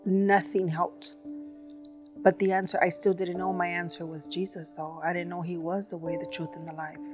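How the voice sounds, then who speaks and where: A woman's voice: on the low side, little pitch movement, normal speed, music in the background. A woman telling her personal faith testimony in an earnest storytelling way. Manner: earnest storytelling, frequent "you know". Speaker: testimony speaker.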